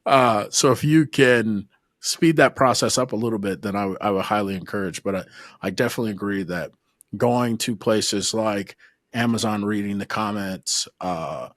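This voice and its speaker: A man's voice: on the low side, normal speed, a bit bright, no echo, clean studio sound. A man hosting a podcast, chatting casually with a guest, friendly and rambling, often restarting his sentences. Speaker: podcast host. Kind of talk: casual interview chat.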